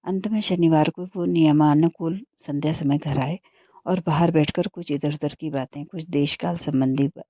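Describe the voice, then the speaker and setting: Low-voiced woman reading a story. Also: no echo. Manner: steady, expressive narration. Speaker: narrator. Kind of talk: storytelling reading of a classic tale. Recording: dull muffled dry recording.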